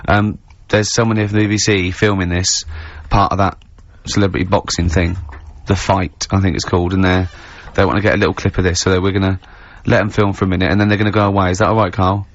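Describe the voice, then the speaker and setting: A man's voice: sits low, level tone, fast talker, hardly any pauses. A man from England hosting a radio show, teasing his guest with mock outrage and bursts of laughter, recorded in a radio studio. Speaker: radio host. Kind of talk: casual radio chat, teasing banter. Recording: dull radio broadcast sound.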